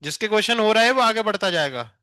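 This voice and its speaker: A man's voice: high voice, animated, fast talker, sharp tone, no echo, studio quality. A male physics teacher in a classroom, firing questions at students and teasing them, with an Indian accent in his English.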